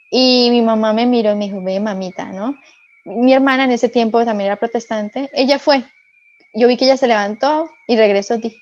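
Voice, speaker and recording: A woman from Colombia sharing a personal faith testimony as a podcast guest, telling her story earnestly with soft asides. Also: fairly high pitch, dull audio.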